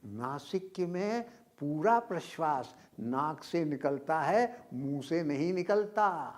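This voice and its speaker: An older male lecturer speaks very slowly and deliberately, in a somewhat raised pitch. He works through his points with drawn-out pauses. He stresses words to demonstrate his examples. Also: expressive. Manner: slow and explanatory, with many drawn-out pauses. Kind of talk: recorded university lecture.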